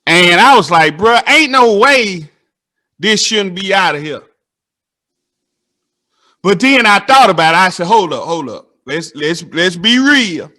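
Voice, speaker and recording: A man, hosting a casual interview and telling animated stories that act out the dialogue. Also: high voice, measured pace, long pauses. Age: 30s. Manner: animated storytelling, acts out dialogue.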